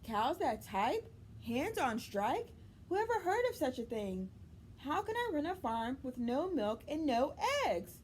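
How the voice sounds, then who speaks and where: A woman reader plays an exasperated farmer in a children's storybook. He is stubborn and indignant, stretching his words out slowly for emphasis, in a high register with some noise behind. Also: big pitch swings, darkish tone.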